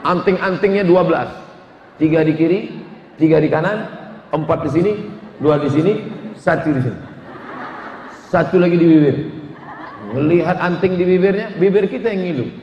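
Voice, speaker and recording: A man preaching a humorous sermon, telling lively stories with comic asides. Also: sits high, normal speed, long pauses, lo-fi sound, slight background noise. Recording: echoey hall with long reverb.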